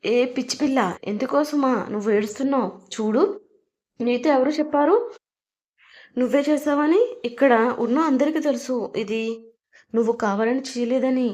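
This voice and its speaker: A woman voicing a young man who gently soothes his crying wife, in a coaxing, tender way. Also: high-pitched, moderate pace, long pauses, voice pushed up, natural voice. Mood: soothing. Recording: dull lo-fi recording.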